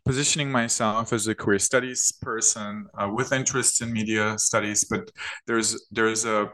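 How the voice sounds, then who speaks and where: A man's voice: on the low side, fairly even intonation, normal speed, bright, forceful tone. A man, an author and queer studies scholar, speaking in an interview with thoughtful, hedging academic phrasing.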